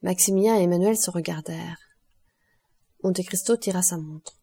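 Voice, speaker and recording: A woman narrates a classic novel for an audiobook. Her reading is steady and measured. The tone is mellow and warm. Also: on the low side, gravelly, breathy edge.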